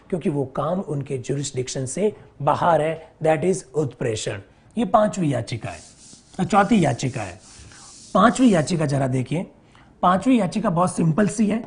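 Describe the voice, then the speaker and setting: Man, lecturing teacher, slightly husky, drills terms by repetition and rhetorical questions. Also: on the high side, darkish tone. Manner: repeats key terms slowly, asks and answers his own questions. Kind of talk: exam-prep polity lecture.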